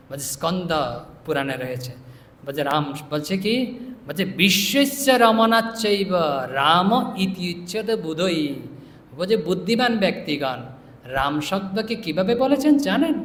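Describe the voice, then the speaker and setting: A middle-aged male monk giving a devotional sermon, explaining scripture word by word, chanting verses slowly and often asking listeners whether they understood. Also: high-pitched, a bit bright. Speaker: monk preacher. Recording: echoey hall reverb.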